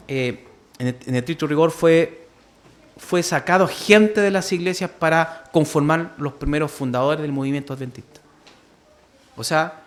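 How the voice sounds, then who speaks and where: A man with a Chilean Spanish accent teaching a church history class, full of fillers, who keeps asking "¿cierto?" and calls his listeners "hermano". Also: on the high side. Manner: many fillers, asks "¿cierto?" often, addresses listeners as "hermano".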